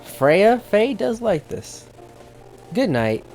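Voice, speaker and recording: A woman's voice: medium pitch, big pitch swings, drawn-out words, darkish tone, soft background music. A woman streaming and chatting casually with her co-host and viewers. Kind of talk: casual live stream chat.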